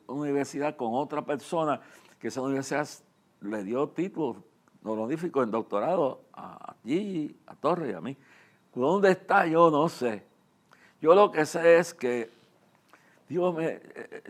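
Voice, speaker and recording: With a fairly high pitch and a Puerto Rican accent, an older man who leads a ministry and preaches gives a casual sermon mixed with his own testimony. Earnest and halting, he repeats himself as he addresses listeners directly.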